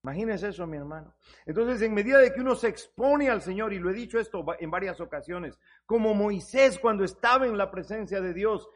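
A man's voice: sits high, animated, a little fast. A man preaching a sermon, earnestly addressing the listener as brother and rising to fervent emphasis on scripture. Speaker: pastor.

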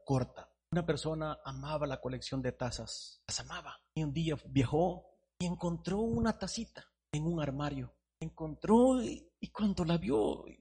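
A man preaching a sermon to his congregation, repeating phrases and swelling loud on key points. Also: on the high side, slightly rough. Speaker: pastor. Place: church congregation.

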